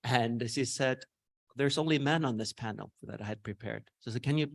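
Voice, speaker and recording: A man from Iceland speaking on a panel, relaxed and telling anecdotes with a few fillers. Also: mid-range voice, a little fast, gravelly. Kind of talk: panel discussion answer.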